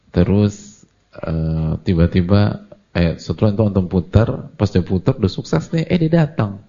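A man gives a lively, conversational sermon and keeps turning to the audience with questions. His voice is very low, dark and husky, with plenty of gravel in it. The lecture recording is dull and lo-fi. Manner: animated, acts out quoted voices, asks the audience questions. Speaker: Islamic preacher.

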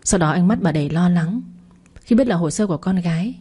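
A woman narrating a scripted family drama story in a steady, measured way. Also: fairly low pitch, breathy edge.

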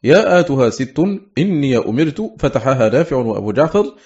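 A man reading a scholarly text aloud in a steady, measured, formal recitation. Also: mid-range voice, lo-fi sound. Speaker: audiobook reader.

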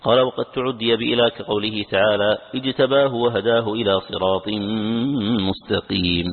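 A man reading a classical commentary aloud to his teacher, briskly, with occasional stumbles and restarts. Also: fairly low pitch, vocal fry. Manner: brisk recitation with occasional stumbles and self-corrections. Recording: tinny phone-like lecture recording with long hall reverb.

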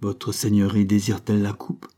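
A man's voice: on the low side, completely flat delivery, brisk, mellow, close to an everyday voice. A man playing a mischievous young doctor who speaks in a mock-formal, playful way. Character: young male doctor, mischievous yet gentle.

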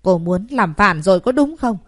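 A woman voicing a scheming young female student who scolds and whines in a shrill, accusing tone. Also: lively intonation, fairly quick, dry recording, studio quality, lightly acted. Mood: scolding.

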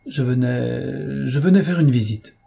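Lovestruck young officer, earnest, dark husky voice, read by a man. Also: on the low side, normal speed. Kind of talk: audiobook character reading.

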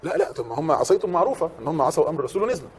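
Egyptian male preacher, quick delivery with a slightly raised pitch, passionate sermon that drops to a hush and then rises to shouts. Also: animated, breathy edge. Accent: Egyptian Arabic. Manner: impassioned, swings from hushed to shouting.

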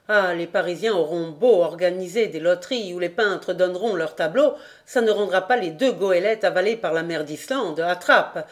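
A woman's voice: fairly low pitch, normal speed, few pauses, lightly acted. A woman voicing a bitter Breton sailor in an audiobook, speaking with indignation. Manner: indignant outburst.

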